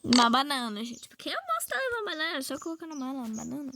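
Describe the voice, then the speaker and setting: A woman's voice: high-pitched, sing-song, very fast, heavy background noise. A young Brazilian woman chatting casually to viewers while playing a phone game, talking to them constantly. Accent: Brazilian Portuguese. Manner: chatty, addresses viewers often. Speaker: gaming vlogger. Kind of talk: casual gameplay chat. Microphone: phone recording.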